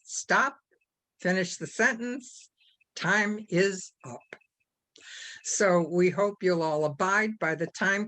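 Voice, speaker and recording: A woman moderating a candidate forum, laying out rules and introducing speakers in a measured way. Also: fairly low pitch, a bit bright. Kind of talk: formal moderating.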